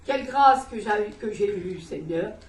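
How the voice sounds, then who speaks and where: A woman's voice: mid-range voice, animated, a little slow, far from the mic. Emotional woman giving testimony, echoey. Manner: emotional, rambling, laughs often while telling. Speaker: church member giving testimony. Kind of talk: spoken religious testimony. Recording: echoey room, voice from afar.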